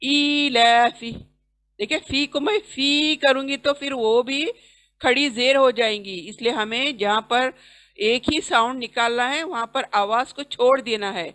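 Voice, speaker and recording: A woman teaching Quran recitation, chanting words slowly with long drawn syllables between quick explanations. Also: on the high side, a bit bright. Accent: Indian. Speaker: tajweed teacher. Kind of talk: recitation lesson.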